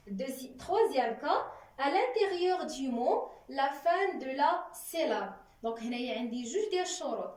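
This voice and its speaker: A high-pitched woman gives a French lesson, slowly spelling out letters and examples. Her voice sits a little back from the mic in a roomy, echoing space. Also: a little mellow. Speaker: French teacher. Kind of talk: classroom-style lesson, switching between French and Moroccan Arabic. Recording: roomy sound, voice from a distance.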